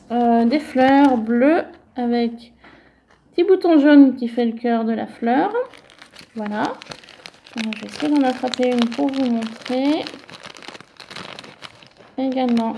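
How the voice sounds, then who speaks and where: High-voiced, slow-talking woman vlogger. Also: a little hiss or hum. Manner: chatty, gentle, fills with "donc" and "voilà". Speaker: crafting vlogger. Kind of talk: casual show-and-tell of received mail.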